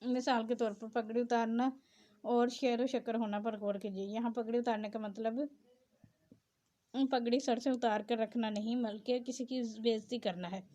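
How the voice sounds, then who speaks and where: A woman's voice: fairly high pitch, fairly even intonation, normal speed, warm tone. A woman teacher reads out a grammar lesson and explains it in plain asides. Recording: dull lo-fi sound.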